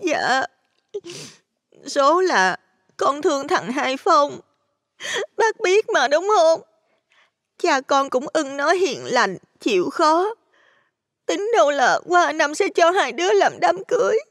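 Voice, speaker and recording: A man's voice: very high voice, big pitch swings, slow pace, pauses often, a bit bright, dry recording, clean studio sound, pitched above the performer's own voice, heavily acted. A man putting on a sobbing, scheming young village woman. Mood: fake sobbing. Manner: fake sobbing, whiny and pleading. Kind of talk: storytelling.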